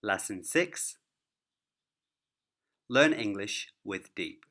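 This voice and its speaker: A man teaching a beginner English lesson, speaking each word clearly and deliberately. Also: fairly low pitch, expressive, bright, forceful tone. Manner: clear, careful word-by-word delivery.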